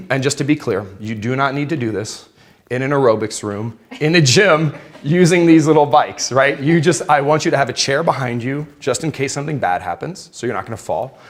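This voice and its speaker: A man's voice: mid-range voice, brisk. A man giving a live exercise demonstration as an instructor, explaining in an informal, conversational way to participants. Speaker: fitness instructor. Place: indoor aerobics room with exercise bikes. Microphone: worn clip-on or headset mic.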